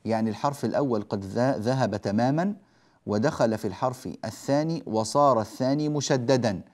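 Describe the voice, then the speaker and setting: A man teaching a recitation lesson, patiently explaining rules and chanting verse examples slowly. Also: mid-range voice, a little mellow. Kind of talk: tajweed lesson.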